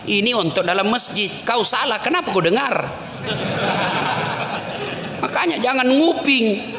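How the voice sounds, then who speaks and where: A man preaching a lively sermon, swinging between low storytelling and loud exclamations. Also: a little slow, a crowd in the background. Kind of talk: lively sermon with acted quotes. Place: mosque or prayer hall. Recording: echoey hall with faint noise.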